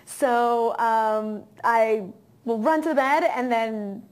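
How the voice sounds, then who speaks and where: A woman's voice: fairly high pitch, slow. Upbeat woman with a Miami accent. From Miami, Florida, USA. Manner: chatty and upbeat. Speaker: actress and model, interview guest. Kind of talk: casual interview chat.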